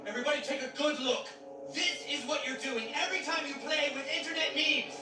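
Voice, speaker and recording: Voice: high voice, fairly even intonation, fairly quick, natural voice. A performer playing a stern, furious lecturer who menacingly preaches at children in a mock public-safety skit. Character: stern, furious lecturer warning children about internet memes. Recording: echoey, distant playback with music.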